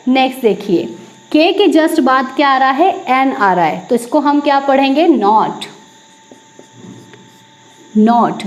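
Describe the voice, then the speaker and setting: Female English teacher, high voice, repeats rules and quizzes herself. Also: darkish tone. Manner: repeats key points, asks and answers her own questions. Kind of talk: explaining a lesson to viewers.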